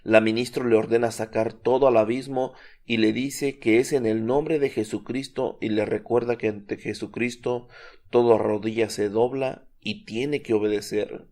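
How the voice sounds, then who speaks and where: A man giving a measured, solemn scripted narration of a religious account. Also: medium pitch, steady tone, darkish tone.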